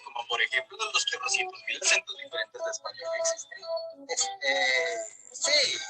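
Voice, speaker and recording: A performer voicing non-human beings in an animated educational video, trading playful questions about how humans act and talk. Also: very high voice, moderate pace, gravelly, exaggerated voice, low-quality recording. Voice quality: playful, questioning back-and-forth. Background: background music.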